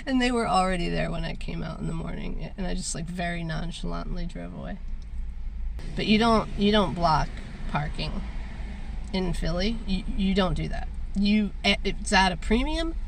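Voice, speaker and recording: A woman's voice: lowish voice, lively intonation, normal speed. A woman chatting casually to camera while out on errands, rambling and swearing in a crotchety, grumbling manner. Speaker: vlogger. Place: in a car and outdoors on errands. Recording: clearly noisy car and street ambience.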